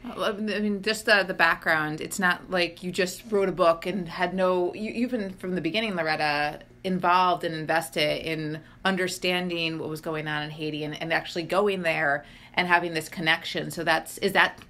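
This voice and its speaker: Woman interviewer, bright and forward, casual curious questions. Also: lowish voice, steady tone, moderate pace. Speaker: interview host. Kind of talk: interviewing guests.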